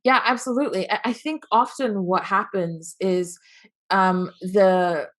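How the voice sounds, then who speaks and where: Unhurried and fairly even in intonation, this medium-pitched woman is a young entrepreneur from Taiwan who speaks with an American accent. Chatting casually as an interview guest, she laughs often and frequently starts her sentences over.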